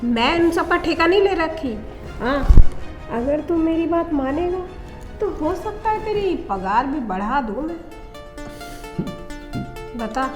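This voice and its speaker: Seductive domineering rich wife, high-pitched, bossy, threatening, short drama, echoey room. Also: female voice, lively intonation, slow pace, pauses often, music in the background. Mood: cold. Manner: coaxing then bossy and threatening. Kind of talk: scripted short drama acting. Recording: echoey room with long reverb.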